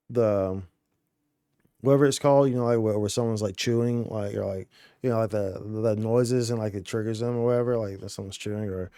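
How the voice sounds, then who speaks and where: A man's voice: on the low side, mellow, dry recording, clean studio sound. A male streamer chatting casually over gameplay in a rambling, slangy way, full of "dude" and "like".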